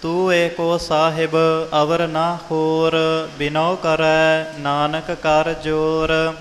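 A man reciting scripture in a measured sing-song chant, pausing between lines for correction. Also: a little high, fairly bright tone, in a large hall, a little hiss or hum.

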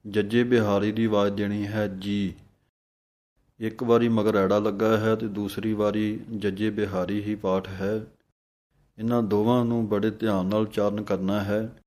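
A man teaching the correct pronunciation of a Sikh hymn, chanting each line slowly and then explaining it word by word. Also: on the low side, little pitch movement, a little mellow. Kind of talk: slow recitation lesson with pronunciation notes.

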